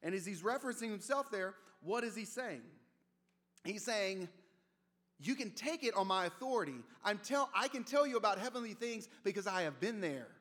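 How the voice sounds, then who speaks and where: A man's voice: high voice, expressive, moderate pace, a bit bright. A man preaching a sermon as pastor, conversational and storytelling, with casual asides. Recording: long reverb of a large hall.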